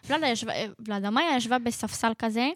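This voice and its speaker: Animated woman co-host, dramatic storyteller. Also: fairly high pitch, no echo, studio quality. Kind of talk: casual chat.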